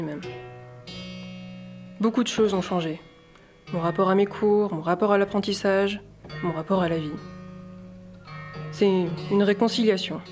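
A woman speaks frankly and with emphasis about her past as a student, at a middle pitch. A soft guitar plays faintly under her voice. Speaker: former student. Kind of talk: personal testimony.

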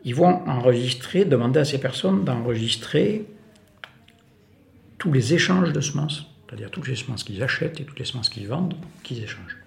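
A man with a gravelly, creaky voice gives an emphatic explanatory talk, improvising as he goes. The room adds a clear echo around his medium-pitched voice. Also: animated, normal speed. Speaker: farmer speaking as an activist. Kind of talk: explanatory political talk, speaking off the cuff. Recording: echoey room recording.

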